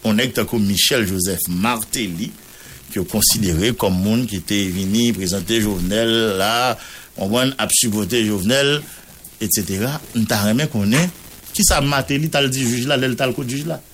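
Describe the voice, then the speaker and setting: A man's voice: fairly low pitch, normal speed, a bit bright, a little hiss or hum. A man with a Haitian accent, a radio news journalist reading out a court order and a long list of names, mixing Creole into French. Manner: mixes Creole into French, reads long name lists.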